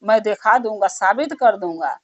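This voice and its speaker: A woman's voice: mid-range voice, lively intonation, normal speed, fairly bright tone, no room sound. A woman voicing a proud, stubborn older shopkeeper who speaks insistently. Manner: insistent, confident. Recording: dull lo-fi recording.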